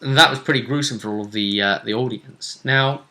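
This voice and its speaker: A man co-hosts a casual recap of a tabletop game as game master, narrating in a measured storyteller's style with pauses. His mid-range voice has a sharp tone.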